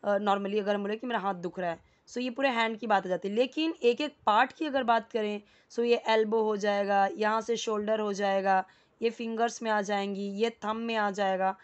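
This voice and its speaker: A woman's voice: medium pitch, fairly even intonation, normal speed, dull audio. A woman teaching a casual lesson, patiently explaining and repeating words, often checking in with the listener. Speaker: English teacher.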